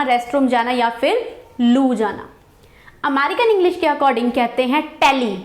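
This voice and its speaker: A woman teaching a spoken vocabulary lesson, explaining slowly, spelling words out letter by letter and repeating them. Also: high-pitched, reverberant. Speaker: English teacher.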